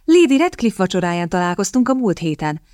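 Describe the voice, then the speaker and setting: A woman voicing a determined young woman, a sharp-tongued older sister who speaks briskly and pointedly, in an audiobook. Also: medium pitch, big pitch swings, clear, resonant tone, no room sound, studio quality, close to an everyday voice. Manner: brisk, pointed, at times hissing. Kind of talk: audiobook character voice.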